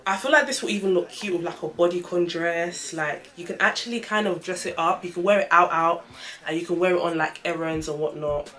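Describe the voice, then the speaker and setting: Reviewing trainers in her vlog, a young woman talks casually and emphatically, a little fast, in a fairly low, fairly bright voice with fairly even intonation. Dental aligners give her a lisp with whistling s sounds.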